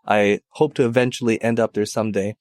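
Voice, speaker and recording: A man from Hawaii hosting an interview podcast, speaking reflectively with many pauses and fillers. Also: fairly low pitch, fairly even intonation, darkish tone, no echo, studio quality. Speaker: podcast host. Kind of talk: casual interview conversation.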